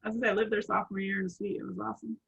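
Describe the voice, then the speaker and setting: A woman's voice: medium pitch, flat delivery, racing, vocal fry, husky, lo-fi sound. A woman, an alumna, fondly reminiscing about her college years in a casual interview. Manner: fond, reminiscing. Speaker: alumna guest.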